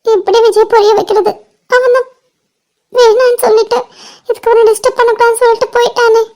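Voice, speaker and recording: A woman's voice: extremely high pitch, level tone, fast, mellow. A woman voicing a tearful young woman in a fan-made cartoon, crying and pleading for forgiveness.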